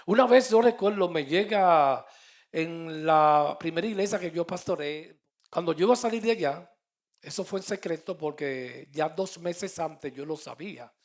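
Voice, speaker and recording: A middle-aged man with a Puerto Rican accent, a pastor preaching a sermon and telling stories, moving between loud and soft. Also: on the high side, normal speed. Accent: Puerto Rican Spanish. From Puerto Rico. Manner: storytelling with quoted dialogue, swings between loud and soft.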